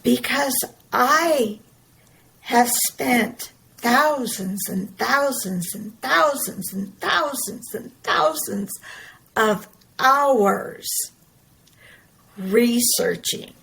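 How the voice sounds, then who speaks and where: A woman's voice: on the high side, expressive, drawn-out words, vocal fry, pushed and bright, a little hiss or hum, rough recording. A middle-aged woman, talking earnestly and emphatically in a personal monologue, often repeating her words. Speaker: podcast host.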